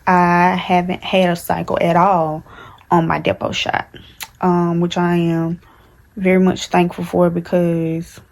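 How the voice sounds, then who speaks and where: A woman in her early twenties with talks candidly in a rambling vlog chat, full of fillers and restarts. Her voice sits low and stays fairly flat in pitch throughout. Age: 20s. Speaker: vlogger. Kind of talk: casual chat to camera.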